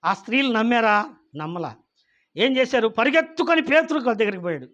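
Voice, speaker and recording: High-voiced pastor preaching. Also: male voice, expressive, brisk, fairly bright tone, lo-fi sound. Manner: asks the congregation questions; acts out the figures of the story. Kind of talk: sermon.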